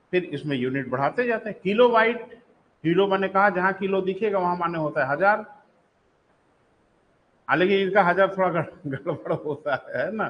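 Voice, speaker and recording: A man with a Hindi accent teaches geography in a live online class, his voice sitting high. He keeps quizzing the students and answering himself, calling them "beta". A faint hum of noise sits behind him. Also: dull audio. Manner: calls students "beta", asks and answers his own questions.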